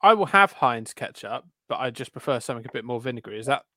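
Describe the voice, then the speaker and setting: A man's voice: mid-range voice, lively intonation, quick pace, pushed and bright, no echo. Podcast host: man, mid voice, chatty, dry close recording. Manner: chatty, runs the questions. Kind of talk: casual chat.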